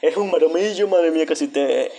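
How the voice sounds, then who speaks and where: A man's voice: a little high, fairly quick, dark tone, voice pushed up, close to an everyday voice. A man doing a giggly gossiping grown daughter.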